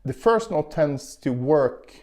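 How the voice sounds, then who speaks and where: A man's voice: a little high, animated, slow pace, darkish tone. A man teaching a guitar lesson, explaining step by step and counting beats aloud as he plays. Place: indoor room with carpet. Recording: guitar heard faintly behind the voice. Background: guitar playing.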